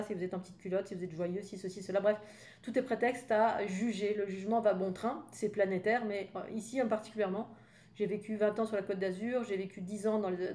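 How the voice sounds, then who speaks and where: This French spiritual coach, a woman in her fifties, has a mellow, medium-pitched voice. She talks casually through a spoken monologue, meandering and chatty, with lots of fillers and tangents.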